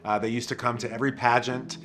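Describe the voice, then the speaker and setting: A man's voice: mid-range voice, level tone, fast. A man talking casually, as in a documentary interview. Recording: roomy echo, music behind.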